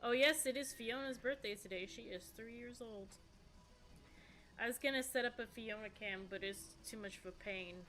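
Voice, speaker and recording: A woman's voice: a little high, normal speed, sharp tone. A woman in her thirties chatting casually on a live stream, answering viewers in a rambling, chatty way. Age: 30s. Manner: chatty, rambling, reading chat aloud.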